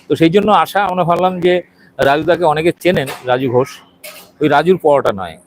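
A man's voice: a little high, slight background noise, low-quality recording. A middle-aged man doing a walking video report, hesitant and full of fillers, showing viewers around a small restaurant. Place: outside and inside a small restaurant.

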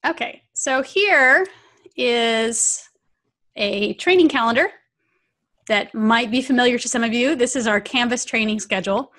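A woman's voice: fairly high pitch, a little slow, a bit bright. A woman hosting a webinar, talking through a screen recording walkthrough and prompting her audience with questions. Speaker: webinar host and trainer.

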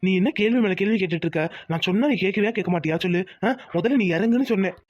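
A woman's voice: mid-range voice, racing, darkish tone, no room sound, muffled recording, natural voice. A woman voicing a pushy young husband. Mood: insistent. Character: bossy young village husband. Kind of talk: cartoon voice acting.

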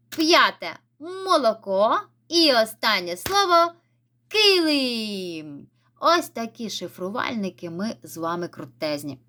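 Lively sing-song woman teacher. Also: on the high side. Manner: encouraging, sing-song, stretches key words. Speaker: primary school teacher. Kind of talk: video reading lesson for young children. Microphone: camera set up by herself.

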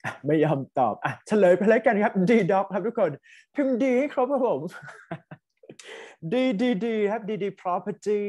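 A man's voice: high-pitched, a little mellow. A man with a Thai accent teaching a test-prep English lesson online, mixing English words into his Thai explanations and urging students to type their answers.

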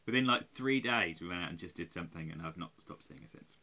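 He's a vlogger of around forty, weary and rambling, cursing and making fun of himself while sitting near a webcam in a small room at home. His voice sits low and sounds expressive and sharp, and he talks fast.

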